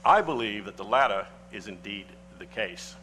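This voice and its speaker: A man, a parish council member, reads a formal prepared statement at a council meeting with deliberate, legalistic phrasing. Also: on the low side, lively intonation, bright, forceful tone, a little hiss or hum. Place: council chamber.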